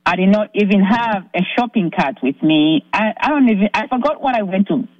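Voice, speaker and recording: A woman from Zambia calling in to a talk show, earnestly telling her story with halting restarts. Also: mid-range voice, animated, a little mellow, dry recording, lo-fi sound. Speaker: caller. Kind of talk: recounting a personal ordeal on a call-in show.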